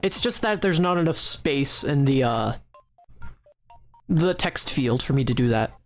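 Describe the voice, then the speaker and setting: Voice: mid-range voice, animated, measured pace, faint music behind. Giggly rambling streamer chatting to chat. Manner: giggly, rambling, often restarts mid-sentence; playful mock-serious talk to chat. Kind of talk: casual live-stream commentary while making a game.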